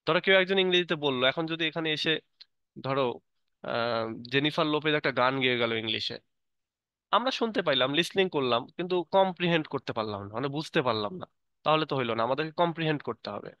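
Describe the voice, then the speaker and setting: A male teacher gives an online lecture, his voice clear and resonant. He reads English passages slowly, then explains them in a relaxed, filler-laden way. The sound is close and dry. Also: a little high, dry recording, dull audio. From Bangladesh.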